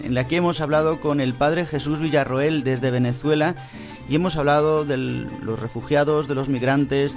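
A man from Spain, a priest, hosting a religious radio program in a calm, formal broadcaster manner. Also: medium pitch. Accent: Spain Spanish. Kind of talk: radio interview and program wrap-up.

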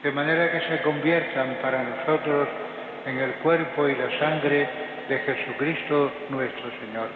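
A man, a priest, intoning the prayers of Mass with a cathedral echo, in a solemn, measured way. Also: medium pitch, fairly even intonation. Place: large church. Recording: tinny phone-like recording of a cathedral with long echo and background noise.

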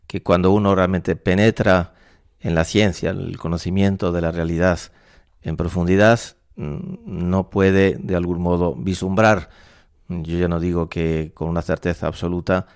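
A man in his sixties from La Mancha in Spain, a priest, speaking thoughtfully with frequent pauses in a radio studio interview. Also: low-pitched, little pitch movement, darkish tone, smooth, no room sound. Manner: thoughtful, measured, with frequent hesitations. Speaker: priest and university rector. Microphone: studio microphone.

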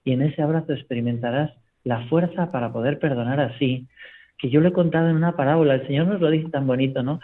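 Priest on a phone line. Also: male voice, on the high side, fast talker. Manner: storytelling, constant tag question "¿no?". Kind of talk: reflective spiritual talk on radio.

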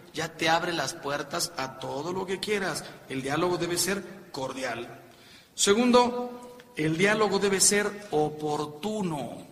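A Mexican man with a high, bright voice gives a joking talk to couples, slipping into the voices of husbands and wives. His words ring with a long hall reverb over a faint background hiss. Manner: joking, acts out spouses' lines. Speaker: speaker on marriage. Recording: echoey hall with faint noise.

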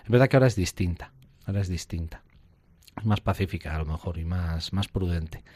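Male priest, very low voice, animated storyteller, dry close recording. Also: brisk, husky, dry recording. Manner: storytelling, acts out scenes with sound effects. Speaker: priest guest. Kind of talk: reflective spiritual conversation.

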